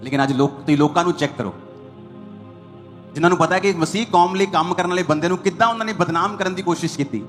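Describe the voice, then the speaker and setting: A man's voice: high-pitched, quick pace, a bit bright, faint music behind. A man preaching a sermon as pastor, hammering his points in short repeated phrases.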